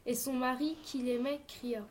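A woman's voice: high voice, steady tone, normal speed, a little mellow. A woman reading a fairy tale aloud, addressing young listeners as storyteller.

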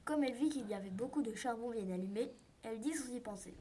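A woman's voice: fairly high pitch, quick pace, dark tone, slightly rough. Woman narrating a fairy tale. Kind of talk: storybook narration.

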